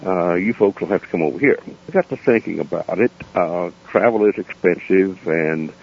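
Low-pitched man, Appalachian accent, gravelly and clean-toned, folksy storytelling, plain-spoken interview guest, dull lo-fi radio sound. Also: moderate pace. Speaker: interview guest, founder of a foundation.

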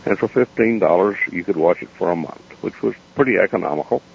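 Gravelly man with an Appalachian accent. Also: deep voice, expressive. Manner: folksy, plain-spoken, unhurried. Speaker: interview guest, founder of a foundation. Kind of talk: unscripted storytelling in a radio interview. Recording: dull lo-fi radio interview sound.

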